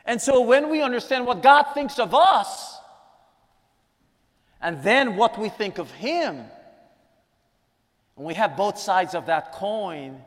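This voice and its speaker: A high, expressive voice comes from a man from Guyana who preaches slowly and pauses often. Teaching a lesson in a sermon with prayer, he stresses key lines by repeating them, and a large hall gives long reverb.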